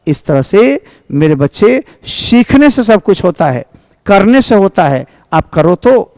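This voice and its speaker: A man with a high voice teaches English pronunciation in an Indian English accent, mixing Hindi and English. He spells out example words slowly and draws each one out. His voice sits close to the mic with a dry sound. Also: very animated, darkish tone, no room sound. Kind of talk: classroom lesson on pronunciation.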